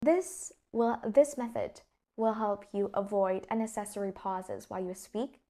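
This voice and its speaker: A young woman with a Vietnamese accent teaches English pronunciation at a mid-range pitch. She explains things clearly and puts weight on the key words as she demonstrates them. Her tone is friendly and instructive. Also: steady tone, a little slow, mellow.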